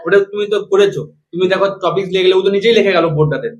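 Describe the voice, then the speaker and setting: A male teacher trainer giving quick, corrective feedback on a trainee's demo lesson. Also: high-pitched, dull audio. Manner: rapid, corrective. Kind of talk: spoken feedback on a demo class. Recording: echoey room.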